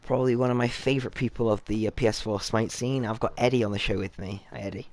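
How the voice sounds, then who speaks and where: A man's voice: fairly low pitch, steady tone, fast, darkish tone. A man hosting a casual gaming podcast interview, chatting in an informal, jokey manner. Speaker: podcast host.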